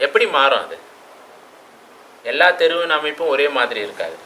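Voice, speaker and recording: A man giving a reflective lecture, asking rhetorical questions and stressing words with sudden loudness. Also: fairly high pitch, big pitch swings, moderate pace, a little hiss or hum, rough recording. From Tamil Nadu. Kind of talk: classroom lecture.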